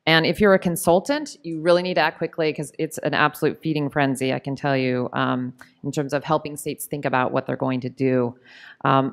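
A middle-aged woman giving a prepared policy talk at a podium mic in a conference room, steady and earnest with frequent ums. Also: low voice, smooth. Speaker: panel speaker. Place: conference room on Capitol Hill. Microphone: podium microphone.

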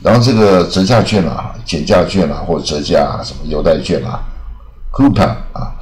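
A man from Taiwan teaching English pronunciation in a casual recorded lesson, repeating words slowly and tagging phrases with drawn-out fillers. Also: low voice, a little mellow, echoey room. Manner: drawn-out repetitions with frequent "啊" fillers.

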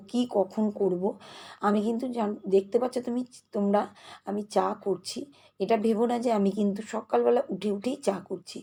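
In her kitchen, a woman runs through her chores in casual vlog narration, speaking fast and restlessly. Her medium-pitched voice is creaky and mellow, with a breathy edge. She's a chatty lifestyle vlogger.

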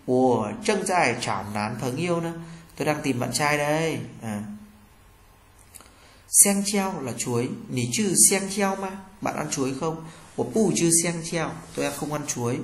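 A man's voice: mid-range voice, a bit bright, roomy sound. A Vietnamese man teaching a language lesson, reading short example phrases and translating each one.

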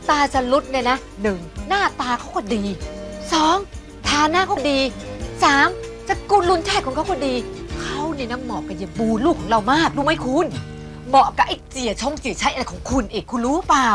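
Bossy soap-opera mom, kinda high voice, music in the back. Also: female voice, lively intonation. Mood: insistent. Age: middle-aged. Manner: fussy, insistent, quick to scold. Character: fussy middle-aged mother, pushy matchmaker. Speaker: mother in a TV drama. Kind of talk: Thai TV soap acting. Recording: music score underneath.

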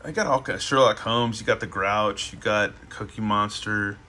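A man's voice: on the low side, moderate pace, bright, forceful tone. A man hosting a show, casually reading a children's book aloud with chatty asides. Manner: laid-back, chatty asides.

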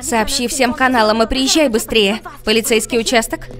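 A woman's voice: on the high side, fairly even intonation, fairly quick, natural voice. An actress playing a bold, eager young woman who meddles in crime-busting in a dubbed action-comedy film. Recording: film music behind.

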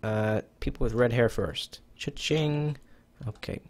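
A man narrates a browser cooking game for his YouTube let's-play, chatting casually to himself, swearing at times, and a bit out of breath. His medium-pitched voice is a little mellow and he takes it slowly, though the audio quality is poor.

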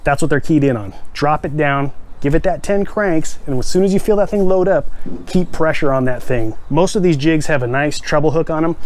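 A man in his forties explains a fishing technique outdoors in his backyard, his voice sitting a touch higher than most men's. He talks plainly and energetically, gesturing with a rod and hammering home the same simple steps. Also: a little fast. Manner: plainspoken, repeats key steps, counts out loud. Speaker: fishing channel host. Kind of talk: casual how-to demonstration.

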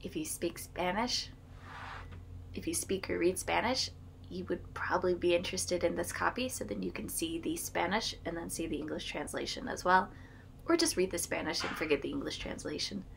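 Speaking at normal speed, this Midwestern woman in her thirties has a lowish, fairly bright voice with vocal fry, and there's slight background noise. She hosts a casual vlog from an indoor home room with bookshelves, talking to her webcam before carefully reading a poem aloud.

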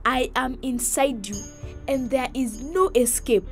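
A woman's voice: sits high, unhurried, soft background music. A woman voicing a small green alien in a children's cartoon story, speaking in an ominous, clingy way. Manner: whispering, ominous.

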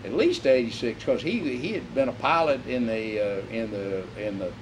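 Chatting in a hangar, this man, who restored a warplane and now flies it, curses liberally and wanders through his thoughts with lots of fillers. He speaks at a normal pace in an expressive, mid-range voice. Background noise comes through on the distant microphone.

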